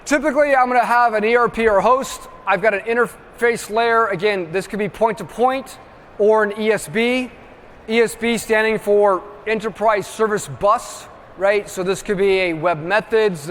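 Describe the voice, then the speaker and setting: Guy, kinda high voice, pushy presenter style always going "right?", long echo in a big hall, faint hum behind. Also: a bit bright. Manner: emphatic, constantly checks in with "right?". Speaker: industry presenter. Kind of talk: trade-show presentation. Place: large trade-show hall. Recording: reverberant hall with faint ambience.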